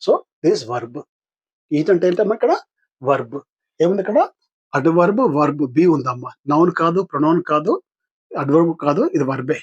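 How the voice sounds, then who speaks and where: A man's voice: on the high side, moderate pace, long pauses, breathy edge, lo-fi sound. An older man with a Telugu accent teaching English grammar for exam practice, patiently asking questions and answering them himself. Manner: patient, asks and answers his own questions.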